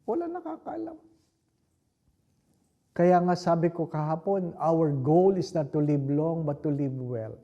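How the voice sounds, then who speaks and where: A Filipino priest preaches a homily, his voice very dark and mellow and pitched a little high for a man. He tells his story at an unhurried, deliberate pace and keeps checking in with the congregation. The sound is slightly dull and lo-fi. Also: steady tone. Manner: slow, reflective storytelling with frequent rhetorical asides.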